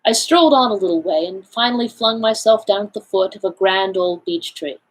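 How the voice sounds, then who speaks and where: Husky woman reading a novel aloud. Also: mid-range voice, poor audio. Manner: measured first-person narration with character voices. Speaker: library storytime reader.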